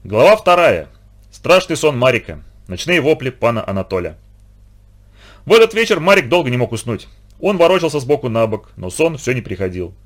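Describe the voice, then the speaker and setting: A man's voice: medium pitch, brisk. Man reading a kids' story, voice goes up and down a lot. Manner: expressive storytelling. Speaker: audiobook narrator. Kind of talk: scripted narration.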